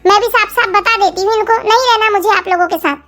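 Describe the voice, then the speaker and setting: Woman voicing squeaky-high young daughter-in-law, bright and cutting, quarrelsome cartoon wife. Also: fast. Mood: defiant. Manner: defiant, quarrelsome. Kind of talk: cartoon family drama voice acting.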